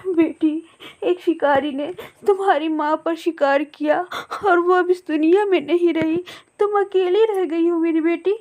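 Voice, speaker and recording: A woman voicing a kindly motherly female parrot who speaks in a soft, sorrowful, consoling way, in a storybook. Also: extremely high pitch, steady tone, unhurried, pitched above the performer's own voice. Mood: grieving.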